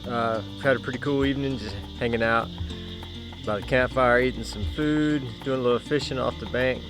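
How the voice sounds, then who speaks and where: A man's voice: mid-range voice, steady tone, a little fast. Man vlogging outdoors over music. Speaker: vlog host. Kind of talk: casual outdoor vlog chat to camera and friends. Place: outdoors at a lakeside campsite.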